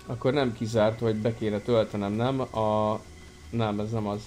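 A young man giving casual, excitable commentary while playing a video game, cursing now and then. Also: on the low side, soft background music. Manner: excitable, chatty, swears casually. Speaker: gameplay streamer. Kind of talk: casual let's-play commentary, reading game dialogue aloud in Hungarian.

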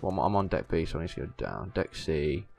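A man hosting a gaming video, giving casual, excitable, mildly sweary commentary as he plays with a friend. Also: rumbling low, fast talker, creaky, faint music behind.

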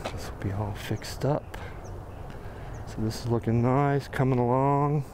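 A videographer with an American accent walks an outdoor construction site, chatting casually to his camera in a mid-range voice. He thinks aloud with plenty of pauses and fillers, and the camera audio picks up noticeable background noise.

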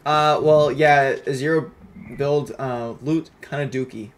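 A man streaming a game and chatting casually with friends, excitable and quick to yell when things go wrong. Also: mid-range voice. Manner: excitable, yells at game mishaps. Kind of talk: casual gaming chat. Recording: loud noise and clicks.

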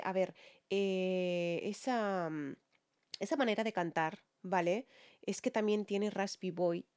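A woman singer with a Peninsular Spanish accent gives her viewers excited commentary on music, repeating words for emphasis and addressing them with frequent tag questions. Her voice is on the low side.

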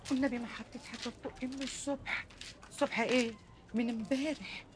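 An actress playing a nosy scolding aunt. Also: female voice, fairly even intonation, quick pace, background noise, natural voice. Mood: complaining. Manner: shrill scolding, melodramatic complaining. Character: meddling middle-aged aunt, nosy and combative.

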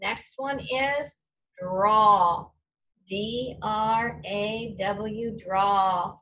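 A woman teacher giving a recorded reading lesson to young children, slowly spelling out words letter by letter and encouraging correct answers. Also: medium pitch, fairly bright tone, slight background noise, rough recording. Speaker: elementary school teacher.

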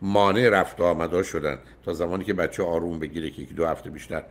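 A man's voice: deep voice, fairly even intonation. An older man hosting a call-in advice show, emphatic and often cutting in with repeated no's. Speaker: radio psychologist host.

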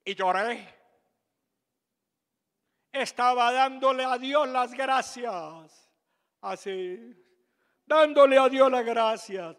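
An older man with a Venezuelan accent, a pastor telling a personal testimony in a sermon, dramatic and emphatic with bursts of shouting. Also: extremely high pitch, takes it slowly, pauses often, in a large hall. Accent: Venezuelan Spanish.

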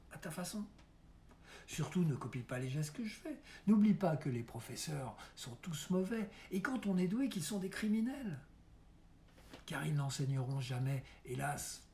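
A man reading as an aging mime coaching his son, slow and mellow. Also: a little high. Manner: earnest, coaxing, drops to soft hushed asides. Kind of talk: dramatic monologue reading.

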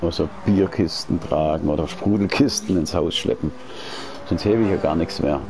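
Streaming indoors at home, a very deep-voiced man in his forties talks at a normal speed while playing a racing sim. He's relaxed and talkative, rambling on with slang and frequent restarts. Loud engine sounds from the racing game play behind his voice.

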